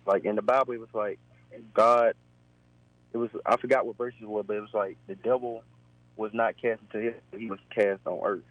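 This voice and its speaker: A man's voice: lowish voice, little pitch movement, moderate pace, fairly bright tone, no echo. A man calling in to a radio show over a phone line, asking his question hesitantly with fillers and loose phrasing. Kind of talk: call-in question.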